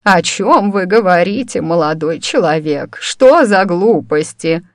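A frail, bitter old witch who has been stripped of her powers, as an audiobook narrator puts her on. Her speech is slow and shaky, and it keeps breaking into sharp, shrill bursts of anger. The recording is close and dry, with no room around the voice. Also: expressive, dry recording. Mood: furious. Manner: slow, quavering, flares into angry shouts.

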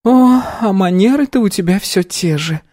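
A man's voice: high-pitched, animated, moderate pace, mellow, dry recording, clean studio sound, voice pushed up. A man voicing a smug, sardonic young woman in an audiobook, who mocks and needles. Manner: mocking, sardonic.

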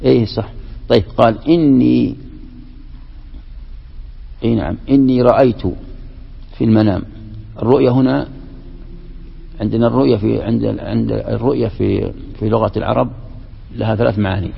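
A man's voice: mid-range voice, fairly even intonation, a little fast, vocal fry, pauses often, husky. A man teaching a classroom lesson on scripture and grammar as a sheikh, explaining step by step and putting questions to his students. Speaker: sheikh teaching Quran commentary. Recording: dull lo-fi recording with long hall reverb.

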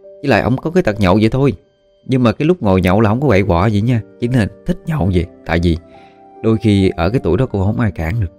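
Storyteller, man, Mekong Delta Southern Vietnamese accent, low voice, warm and mellow, folksy and rambling delivery, faint music underneath. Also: lively intonation, fast talker. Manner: folksy, rambling, with frequent "à" fillers. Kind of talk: casual spoken storytelling.

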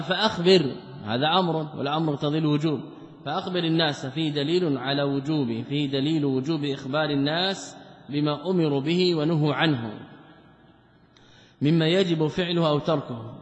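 A man's voice: fairly high pitch, a little fast. Man teaching in an echoey hall. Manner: reads quoted passages, then explains them with rhetorical questions. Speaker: Islamic scholar teaching a text. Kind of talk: religious lesson, reading and explaining a commentary. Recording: muffled, echoey lecture hall recording.

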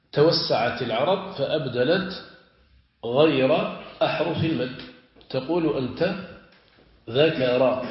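A sheikh with a somewhat high voice teaches a classical grammar lesson. He draws out each example word and keeps checking that his listeners follow. The recording is echoey and dull, like an old lo-fi tape of a lecture hall. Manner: asks students checking questions, stretches example words slowly. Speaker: sheikh teaching Arabic morphology.

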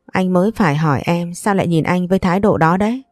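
A woman's voice: fairly low pitch, quick pace, no room sound, clean studio sound, lightly acted. Woman reading a pushy, crude young husband. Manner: demanding, sulky.

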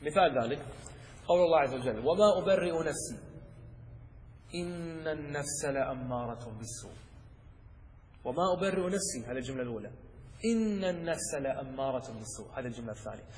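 A man teaching Arabic rhetoric in a classroom lecture. He explains each point step by step, checks that his students follow, and recites verses slowly and clearly. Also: mid-range voice, expressive, darkish tone. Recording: long hall reverb with faint noise.

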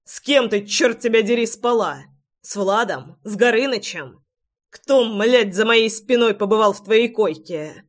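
A woman voicing a furious, jealous young husband who shouts accusations at his wife and then mutters to himself in an audiobook. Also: on the high side, unhurried, natural voice. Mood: enraged.

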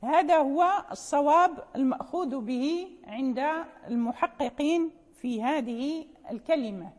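High-voiced woman teacher in a reverberant hall. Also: unhurried, darkish tone. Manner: patient, explanatory, repeats key terms and checks understanding. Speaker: teacher of Quranic recitation. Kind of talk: classroom lecture.

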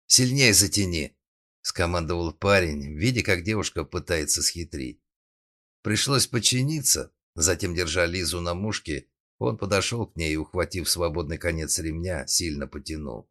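A man reading a thriller audiobook as narrator, in a steady dramatic tone. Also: sits low, normal speed. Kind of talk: scripted narration.

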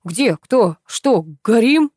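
A woman's voice: a little high, animated, slow, darkish tone, no echo, clean studio sound, pitched above the performer's own voice. A woman voicing a sleepy, irritable village man who grumbles at being woken. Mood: grumpy.

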